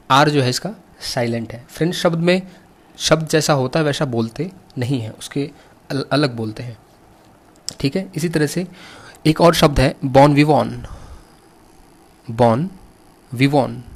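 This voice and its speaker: A man with an Indian accent teaching vocabulary at a deliberately slow, unhurried pace. He spells each word out letter by letter and keeps turning questions to his students, patient and steady throughout. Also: medium pitch. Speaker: English teacher.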